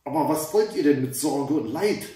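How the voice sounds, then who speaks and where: A centuries-old giantess with a long nose, put on by a male reader, shrill and full of exclamations. The voice sits slightly high, and the very echoey room is heard from some distance. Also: expressive, normal speed, mellow, natural voice. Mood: exclaiming. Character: hundred-year-old giantess, troll's wife, long-nosed.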